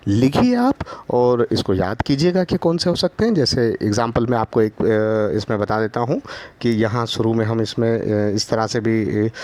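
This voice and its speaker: A man teaching a Hindi lesson online to young children, patiently repeating each syllable, with many drawn-out filler pauses. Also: medium pitch, a little mellow, dry recording. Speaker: primary school teacher.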